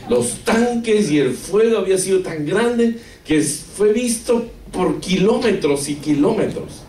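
Argentine preacher, echoey and far off. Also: male voice, high voice, lively intonation, measured pace, a little mellow, slight background noise. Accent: Argentine Spanish. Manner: emotional storytelling, often addressing listeners as brother; asks rhetorical questions of the audience. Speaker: preacher giving a testimony. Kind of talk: sermon testimony. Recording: echoey room, mic far off.

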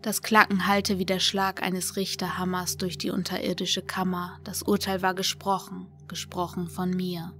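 A woman reading a first-person horror story as an audiobook narrator, in a flat, even manner. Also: lowish voice, moderate pace, hardly any pauses. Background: faint music.

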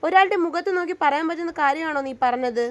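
Woman voicing a stern aunt, high voice, scolding. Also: fast talker, natural voice. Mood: indignant. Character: indignant middle-aged aunt, scolding.

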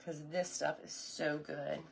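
A woman's voice: sits low, little pitch movement, unhurried, gravelly. A woman, chatting casually on a live cooking stream while eating, enthusiastic and sometimes talking with her mouth full.

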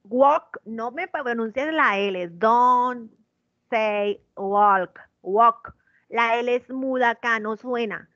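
A woman's voice: on the high side, takes it slowly, a bit bright, no room sound, lo-fi sound. A woman with a Colombian Spanish accent teaching an online English class, patiently correcting pronunciation and switching between Spanish and English. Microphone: video call.

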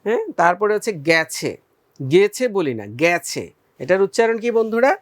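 A man teaching a recorded school lesson, patiently asking questions and then answering them, and sounding out vowels slowly for his students. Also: sits high, expressive, no room sound. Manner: patient, addresses students as friends, asks and answers own questions.

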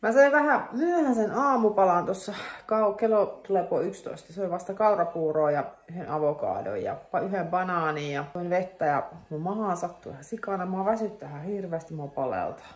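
A woman's voice: on the low side, lively intonation, few pauses, darkish tone, husky. A woman in her forties chatting casually in a vlog, thinking aloud with frequent fillers as she films on her phone at her rural home. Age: 40s. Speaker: vlogger.

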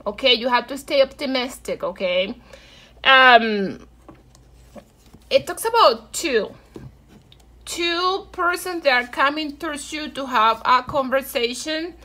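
A tarot reader from Venezuela, speaking with a Venezuelan Spanish accent, gives a casual, encouraging reading and addresses her viewers affectionately. Her high voice is animated and sharp in tone, yet unhurried.

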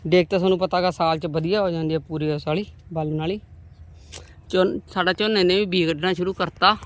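A woman's voice: on the low side, steady tone, fairly quick. A woman, chatting homely to viewers as she walks outdoors through her farm's vegetable plots. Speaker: vlogger. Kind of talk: casual farm vlog talking to viewers.

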